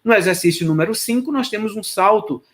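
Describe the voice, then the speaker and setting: A man lectures students on choral rehearsal technique, addressing them directly and instructively while singing solfège syllables as demonstrations. His voice is high, expressive and fairly bright in tone, and he talks fairly quickly.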